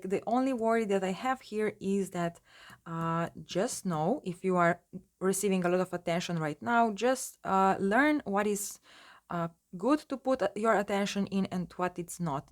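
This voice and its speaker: A woman giving a casual tarot reading in her just-woken morning voice, rambling with many fillers and restarts. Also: mid-range voice. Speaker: tarot reader.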